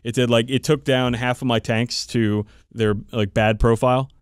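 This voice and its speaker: His mid-range voice moves at normal speed and sounds smooth, recorded dry in a clean studio. He's a podcast co-host in a casual friends' chat, telling profane, energetic stories about tabletop games.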